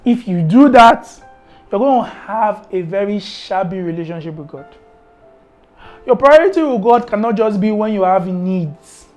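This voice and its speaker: Marriage podcast host, mid-pitched, preachy and emphatic, heavy on repetition and rhetorical questions. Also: animated, moderate pace, darkish tone, faint music behind. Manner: emphatic, repeats key words. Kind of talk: faith-based marriage advice talk.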